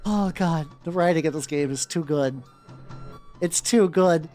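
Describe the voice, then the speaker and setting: A woman giving excitable, sweary live commentary as she streams a game. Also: low voice, unhurried, faint music behind.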